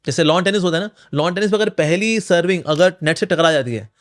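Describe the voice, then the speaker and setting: A man answering questions in an interview, animated and explanatory, often acting out the voices in people's heads. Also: high-pitched, fast talker. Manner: animated, acts out inner voices, mixes English phrases. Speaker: spiritual speaker.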